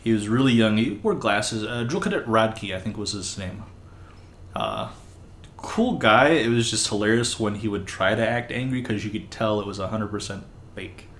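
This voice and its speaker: A man in casual chat, telling relaxed, rambling anecdotes with fillers like "uh". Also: fairly low pitch, normal speed, reverberant.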